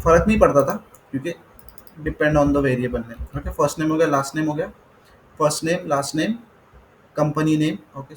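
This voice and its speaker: A man's voice: on the high side, slight background noise, poor audio. A man teaching a coding tutorial, mixing Hindi and English, saying "okay" often and spelling words out letter by letter. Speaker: coding instructor. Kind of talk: screen-recorded coding tutorial.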